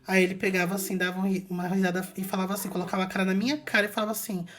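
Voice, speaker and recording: A Brazilian woman telling a personal spiritual story in a casual vlog, chatty and animated, acting out quoted voices and talking straight to her viewers. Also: mid-range voice, very fast. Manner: frequent fillers and restarts, addresses viewers directly. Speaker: spiritual content creator.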